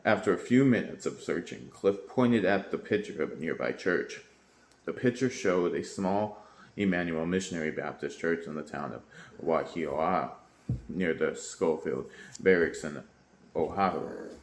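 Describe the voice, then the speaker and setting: In an echoey room, a YouTuber with a deep voice reads a book aloud at a steady pace, sometimes stumbling and correcting himself mid-line. After the reading, he moves into casual commentary.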